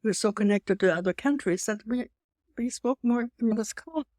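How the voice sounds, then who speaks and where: In clean studio sound with no room noise, a woman in her eighties speaks in a fairly high, darkish voice, a little fast. She's a European interview guest with a slight French accent, recounting her life in a rambling conversational way full of restarts and emphatic asides.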